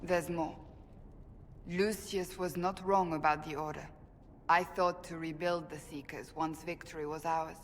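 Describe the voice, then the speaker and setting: Here the same holy-order warrior role is voiced by a woman whose voice sits low and steady, a little slow. The grave, formal intensity of this fantasy game performance echoes through a hall with faint background noise.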